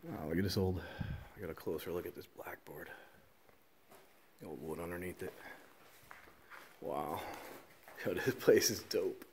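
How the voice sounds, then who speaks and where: In hushed tones, an urban explorer films his way through derelict school buildings, often whispering and exclaiming in awe. His voice is deep, unhurried and a little mellow, with frequent pauses and slight background noise.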